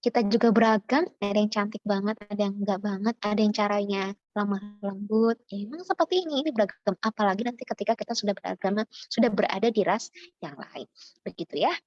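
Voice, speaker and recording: A woman from Java, a university lecturer, speaking in a chatty, animated way with many fillers, as a webinar speaker. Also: medium pitch, quick pace, no room sound, dull audio. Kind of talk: informal lecture. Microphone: video call.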